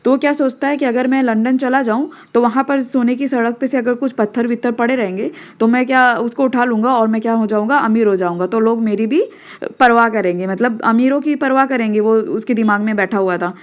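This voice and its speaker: Indian woman, school teacher, slightly high voice, patient classroom explainer, mixes Hindi and English. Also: fairly even intonation, fairly quick. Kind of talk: explaining a textbook lesson.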